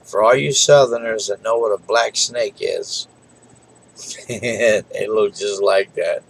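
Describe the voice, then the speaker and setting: A man's voice: on the low side, takes it slowly, slight background noise, low-quality recording. A tired middle-aged man talking casually in a rambling, folksy way late at night. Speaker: vlogger.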